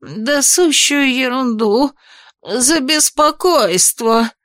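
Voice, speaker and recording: A woman's voice: medium pitch, animated, fairly bright tone, dry recording, clean studio sound. A woman voicing a fat, frightened old male official who pleads and wails. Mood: whining scared. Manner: slow, wailing, pleading.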